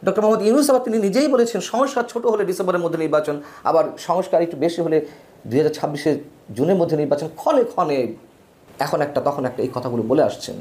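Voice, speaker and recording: A man's voice: on the high side, fast, a little mellow. A man with a Bangladeshi Bengali accent delivering an emphatic political commentary monologue, stressing words with rhetorical questions.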